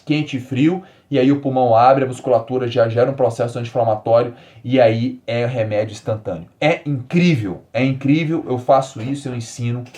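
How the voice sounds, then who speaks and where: A man in his forties from Brazil, hosting a solo health podcast and explaining ideas with emphatic repetition, then easing into calm, soft phrasing. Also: medium pitch. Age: 40s. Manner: animated, emphatic, repeats key words, drops to calm soft tones. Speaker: podcast host.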